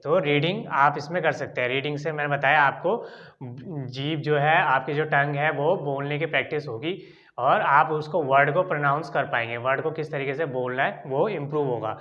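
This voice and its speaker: A man's voice: a little high, normal speed, muffled recording. A man with an Indian accent teaching an English lesson, explaining step by step and often checking in with "ठीक है". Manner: repeats "ठीक है" often as a filler.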